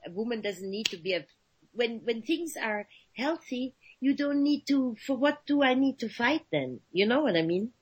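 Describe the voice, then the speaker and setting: Woman radio guest, slightly husky, hesitant, lots of restarts. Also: on the high side, expressive, muffled recording. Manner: halting, many restarts, searching for words. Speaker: guest, actress. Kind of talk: radio interview conversation.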